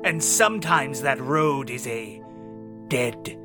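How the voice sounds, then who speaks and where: A campy horror host over music. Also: male voice, mid-range voice, lively intonation. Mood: ominous. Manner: hammy, mock-sinister, slow and drawn out. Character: theatrical male horror radio host, gleefully macabre. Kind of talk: campy horror radio drama narration. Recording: music playing under the voice.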